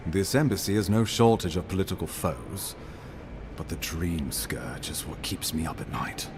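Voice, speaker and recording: An actor playing an earnest, courteous imperial ambassador in a video game, speaking in a formal, eloquent and measured manner. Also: male voice, low voice, lively intonation, very noisy. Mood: grave. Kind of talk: dramatic video game dialogue.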